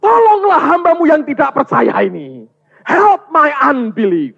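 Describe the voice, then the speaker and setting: A man voicing a desperate father who cries out for help in strained, pleading shouts. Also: very high voice, very animated, measured pace, vocal fry, voice pushed up, full character voice. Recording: tinny, phone-like sound.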